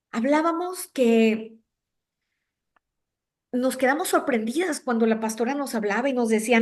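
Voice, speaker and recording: A woman's voice: high-pitched, darkish tone. A middle-aged woman giving a women's devotional talk, speaking conversationally and asking her listeners questions. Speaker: devotional teacher for a women's group.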